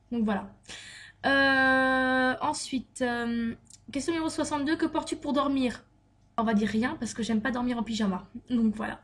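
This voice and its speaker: A young woman from France chatting through a vlog question list, with many fillers and restarts. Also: high voice. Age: young adult. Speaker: beauty vlogger. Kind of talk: casual Q&A tag vlog.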